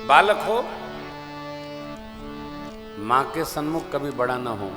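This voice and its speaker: A man preaching a devotional sermon, dramatic, swinging from loud emphasis to quiet asides, and now and then breaking into sung verse. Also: medium pitch, sing-song, slow. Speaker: katha preacher. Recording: long reverb of a large hall with faint music.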